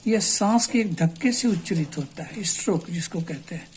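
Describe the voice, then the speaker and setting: A woman teaching a basic English lesson in Hindi, explaining slowly and repeating words syllable by syllable. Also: fairly low pitch, expressive, darkish tone, a little hiss or hum. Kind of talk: spoken Hindi language lesson.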